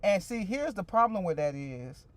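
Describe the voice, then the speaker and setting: A woman in her forties hosts a laid-back livestream, speaking at normal speed in a medium pitch that swings widely. She talks loosely and repeats herself while chatting directly with viewers and responding to their comments.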